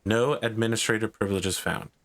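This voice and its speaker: A man's voice: fairly low pitch, steady tone, fairly quick, a bit bright. A man voicing a rudimentary, literal ship computer in a tabletop game, giving clipped, impersonal status announcements. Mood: flat, formal.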